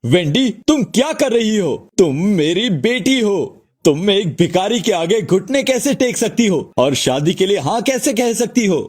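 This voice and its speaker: Stern rich father, bossy and lively. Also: high-pitched, unhurried, hardly any pauses, slightly rough, exaggerated voice. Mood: angry. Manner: bossy, threatening. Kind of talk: Hindi dub of a drama series.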